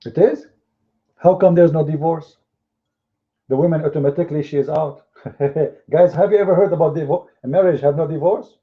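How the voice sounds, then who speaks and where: In a heated live debate, a man whose native language is Arabic pelts his opponent with mocking rhetorical questions in a fairly high voice, speaking at normal speed but pausing often. His Arabic accent comes through phone-like, low-fidelity audio.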